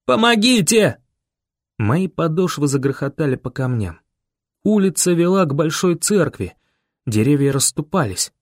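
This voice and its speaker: Мужчина, напряжённо читающий аудиокнигу. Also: male voice, fairly high pitch, dry recording, studio quality. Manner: intense, voices the characters' desperate shouts and pleas. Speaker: audiobook narrator. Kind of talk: dramatic first-person audiobook reading.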